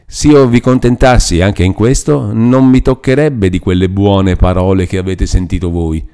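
A man's voice: low-pitched, fairly even intonation, moderate pace, warm tone, clear, resonant tone. A man reading aloud and voicing a grumbling, resentful old woman who scolds and coaxes a frightened girl.

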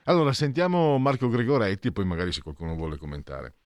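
A man's voice: fairly low pitch, fast talker. A man hosting a radio talk show, giving opinionated commentary in a hesitant, conversational way full of fillers.

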